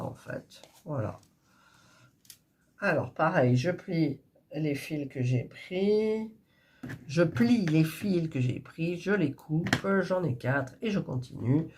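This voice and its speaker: A cross-stitch crafter vlogger with a stuffy nose chats in a rambling, casual way while preparing embroidery threads, full of fillers and restarts. Her voice is low and slightly rough.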